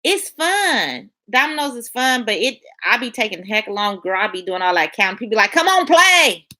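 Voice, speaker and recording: Woman streamer, relaxed and colloquial, reads chat aloud, bright tone. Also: mid-range voice, brisk. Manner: chatty, colloquial, talks to viewers by name. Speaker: livestream host reading chat. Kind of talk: casual live-stream chat.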